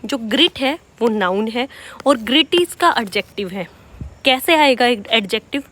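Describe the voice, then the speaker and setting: A young woman with a high voice gives an exam-prep vocabulary lesson. She explains each word patiently and keeps checking in with her students. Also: animated, normal speed, fairly bright tone. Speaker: English vocabulary teacher.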